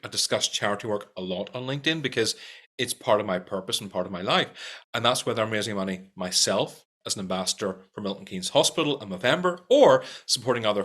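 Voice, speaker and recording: Speaking to camera in an upbeat way, this middle-aged Irish sales trainer, whose accent is strong, shares practical tips and hammers home key points by repeating them. His pitch sits on the low side with a fairly bright tone.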